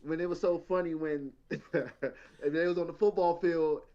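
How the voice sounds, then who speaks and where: A man with a slightly high voice chatting easily on a podcast, quoting characters as he retells scenes. The recording sounds dull and muffled. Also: fairly even intonation, normal speed, dark tone. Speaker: podcast co-host. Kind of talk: casual chat.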